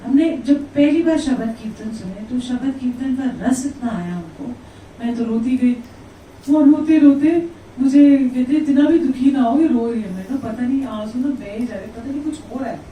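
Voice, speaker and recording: Woman, higher-pitched and mellow-toned, giving a lively spoken testimony at a devotional gathering, heard from far off in a booming room. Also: moderate pace, slight background noise. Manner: animated, acts out quoted dialogue. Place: indoor devotional gathering with listeners present. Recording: echoey room, voice from a distance, faint ambience.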